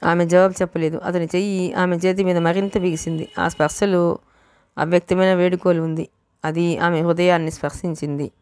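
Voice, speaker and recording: Low-voiced woman reading a novel. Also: brisk, smooth, no echo. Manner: steady storytelling. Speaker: audiobook narrator.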